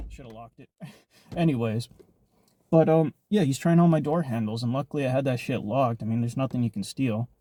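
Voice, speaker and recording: A man's voice: mid-range voice, mellow. A man telling a personal story in a rambling, profane, casual vlog monologue.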